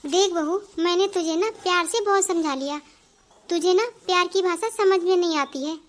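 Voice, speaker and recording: A woman's voice: very high voice, normal speed. A woman voicing a scolding old mother-in-law. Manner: nagging, lecturing. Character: scolding older mother-in-law, proud and stubborn. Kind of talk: Hindi cartoon voice acting.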